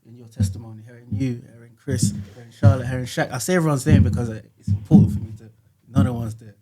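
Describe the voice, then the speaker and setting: A man with a mid-range, warm voice speaks quickly as a music artist guest in a podcast studio. His talk is casual but earnest and reflective, and he often repeats words while he thinks.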